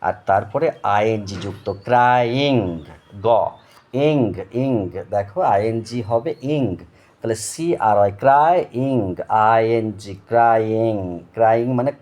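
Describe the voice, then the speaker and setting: A man's voice: medium pitch, a little mellow. Patient man spelling out words for kids. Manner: patient, spells words out letter by letter and repeats them slowly. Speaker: tutor. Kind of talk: spoken English grammar lesson for young children.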